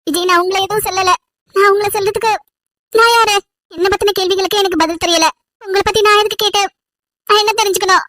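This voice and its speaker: A woman's voice: extremely high pitch, fairly even intonation, fast, pushed and bright. A woman voicing a distressed young woman in a cartoon story, pleading and breaking into tearful outbursts. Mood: despairing. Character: distressed young woman Vennila, anguished and defiant.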